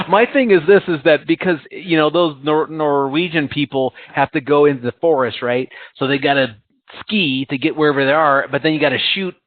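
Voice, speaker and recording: Rambling self-mocking American podcast host. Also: male voice, fairly high pitch, normal speed, no room sound. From United States. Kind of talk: casual chat. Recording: tinny phone-like sound.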